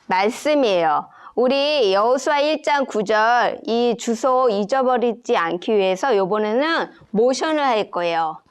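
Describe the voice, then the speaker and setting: Slow, clear-voiced woman teaching children. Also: high voice. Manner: slow, clear, sing-song recitation for children. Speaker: children's Sunday school teacher. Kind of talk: children's Bible memory lesson.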